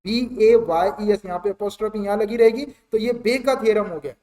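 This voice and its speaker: A man's voice: high-pitched, fairly quick, warm tone, recorded from a distance. A male maths teacher giving a chatty classroom lecture, repeating points and explaining with everyday examples.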